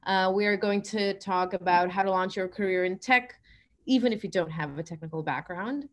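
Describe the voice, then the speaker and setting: A woman's voice: mid-range voice, moderate pace. Woman, panel moderator on a video call; hesitant, lots of ums and uhs. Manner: hesitant, many fillers. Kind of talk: webinar hosting.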